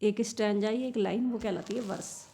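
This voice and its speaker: An Indian woman teaching for an exam, reading English lines slowly and explaining them quickly in Hindi. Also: medium pitch, fairly even intonation, mellow, slight background noise. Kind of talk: exam-prep lesson.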